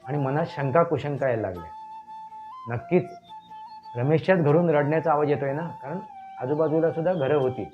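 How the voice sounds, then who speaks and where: A man's voice: fairly high pitch, wildly swooping pitch. Man telling a story, repeating himself. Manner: retells slowly, repeating phrases for emphasis. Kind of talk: casual spoken storytelling. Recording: dull lo-fi recording with faint music.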